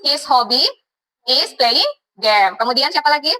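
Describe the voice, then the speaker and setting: A woman's voice: high voice, animated, normal speed, bright, forceful tone, rough recording. A woman with an Indonesian accent teaching a class in a classroom, encouraging students and mixing English phrases into her speech. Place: school classroom.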